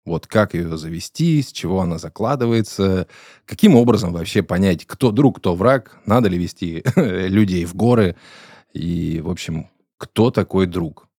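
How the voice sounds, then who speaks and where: A man around forty hosts a studio podcast in a deep, husky voice. He talks bluntly and jokes with crude slang. The sound is dry and close. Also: animated, moderate pace, mellow, no echo. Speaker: podcast host. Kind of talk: casual studio podcast chat.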